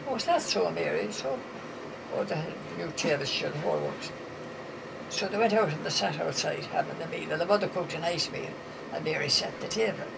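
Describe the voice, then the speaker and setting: A man's voice: on the high side, brisk, gravelly. A man with an Irish accent tells folksy, rambling comic stories in casual conversation, acting out the dialogue as he goes. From Ireland. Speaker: storyteller telling jokes. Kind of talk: casual anecdotal storytelling. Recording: noisy amateur recording with steady hum.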